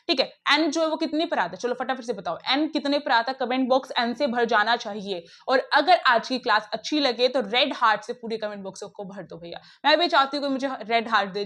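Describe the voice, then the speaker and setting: High-pitched woman teacher, brisk and pushy, keeps talking right to the kids. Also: fairly bright tone. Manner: brisk, coaxing, talks to students directly. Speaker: online teacher. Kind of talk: classroom lesson explaining puzzles.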